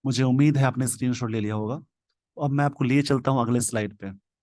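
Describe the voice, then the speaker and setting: A man's voice: medium pitch, steady tone, a little mellow, dry recording. Man explaining English vocabulary. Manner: reads English slowly word by word, then explains quickly. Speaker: teacher. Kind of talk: explaining an English newspaper editorial.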